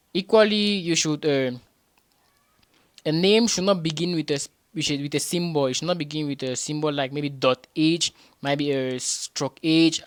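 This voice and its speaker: A man tutoring beginners in programming, patiently repeating each point and often pausing with hesitations and restarts. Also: on the high side, clear, resonant tone, dry recording. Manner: patient and repetitive, restates points with rhetorical questions.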